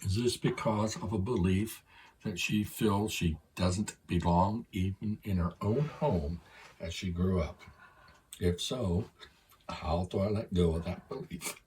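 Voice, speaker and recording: A man's voice: sits low, a little slow, darkish tone, distant mic, a little hiss or hum. A man hosting a channeling session, reading questions and making dry, wry remarks. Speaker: session host asking questions. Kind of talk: casual chat.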